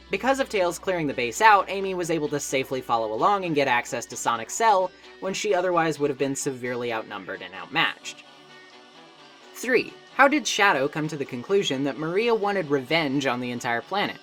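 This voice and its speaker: A woman narrates a scripted video essay in a low voice with lively, highly varied intonation. Her explanations stay conversational, sprinkled with wry remarks.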